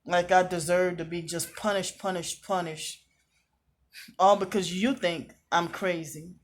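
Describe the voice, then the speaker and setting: A woman talking casually to camera from a hotel room, aggrieved and repetitive, often clearing her throat, sounding tired. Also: lowish voice, steady tone, a little slow. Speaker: vlogger.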